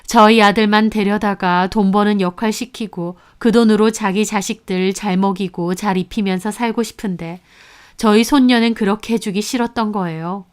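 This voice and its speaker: A woman narrating a first-person family story in a calm, confessional storytelling manner. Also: medium pitch, normal speed, smooth.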